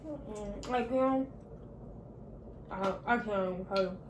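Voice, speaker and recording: A woman casually tasting snacks with a friend, talking in a relaxed, hesitant way. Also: mid-range voice, unhurried, slight background noise. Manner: relaxed, hesitant, plenty of likes. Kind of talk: casual unboxing taste test. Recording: echoey room, mic far off.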